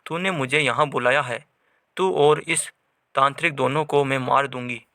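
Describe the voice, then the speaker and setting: A man's voice: mid-range voice, normal speed, bright, forceful tone, dry recording. Possessing female spirit, menacing, voiced plainly by a man, dry close sound. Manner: threatening.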